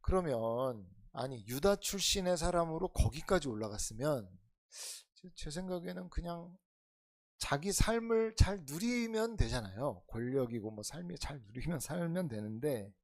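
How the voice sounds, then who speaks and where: 교회에서 강해설교를 하는 남자 목사로, 청중에게 질문을 던지며 대화하듯 설교하고, 크게 강조하다가 낮게 속삭이듯 말하기를 오간다. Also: male voice, animated, measured pace. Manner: conversational preaching with rhetorical questions to the congregation; swings between loud emphatic lines and soft low asides. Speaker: pastor. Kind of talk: expository sermon.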